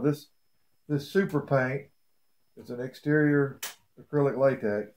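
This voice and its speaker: A man's voice: medium pitch, darkish tone. A man demonstrating a woodworking job in his home workshop, talking in a plain-spoken, folksy way with rambling asides. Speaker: beekeeper showing a woodworking build. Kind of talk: casual how-to demonstration.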